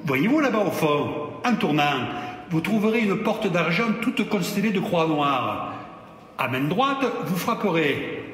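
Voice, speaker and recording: A man's voice: fairly high pitch, big pitch swings, a little slow, a bit bright, voice pushed up. Male reader doing a kindly old saint gatekeeper, jovial and obliging; storybook read, hall reverb. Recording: echoey hall.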